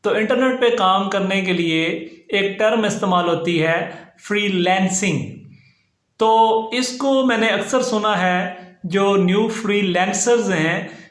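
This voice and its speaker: A man teaching English pronunciation, slowly repeating each word with careful stress. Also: high-pitched, a bit bright, echoey room. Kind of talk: explanatory lesson.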